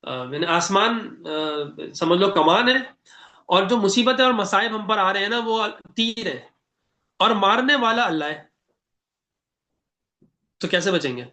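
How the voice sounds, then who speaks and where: A man with a Pakistani Urdu accent teaching an online Quran class in a conversational way, often checking with students and reciting prayers slowly. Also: high voice, animated, bright, forceful tone. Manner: conversational, asks the class questions. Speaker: religious teacher.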